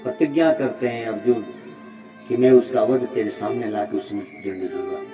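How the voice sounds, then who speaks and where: A man giving a devotional sermon, retelling a religious story and appealing to the mothers listening. He shifts dramatically between loud exhortation and soft asides. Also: mid-range voice, normal speed. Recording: muffled distant mic with music.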